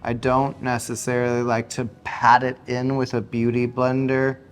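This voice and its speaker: A man working as a hairstylist, calmly explaining each technique step by step as he goes. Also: mid-range voice, normal speed, faint music behind. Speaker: hairstylist and makeup artist. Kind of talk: step-by-step tutorial narration.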